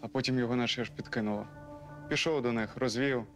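An actor plays a plain-spoken male musician recounting what he saw in a casual way. His voice sits at a middle pitch, with faint music behind him. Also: steady tone, quick pace, a bit bright, natural voice. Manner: casual, storytelling. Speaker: restaurant musician.

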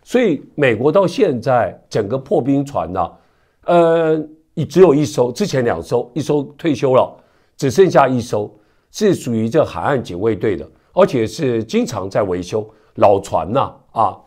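A man in his fifties with a stuffy nose and slight hoarseness from a cold, hosting conversational news commentary to camera on a lapel mic. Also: mid-range voice, sing-song, normal speed, a little mellow. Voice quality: stuffy, strongly nasal from a cold. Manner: conversational, with frequent sentence-final particles and rhetorical tags. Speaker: news commentary show host. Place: indoor studio with virtual backdrop.

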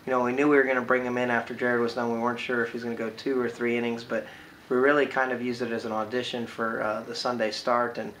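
A man in his thirties, a baseball coach giving a postgame interview, talking quickly and filling pauses with "you know". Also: medium pitch, little pitch movement, a bit bright, slight background noise, rough recording. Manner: filler-heavy, with frequent "you know"s. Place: indoor room by large windows.

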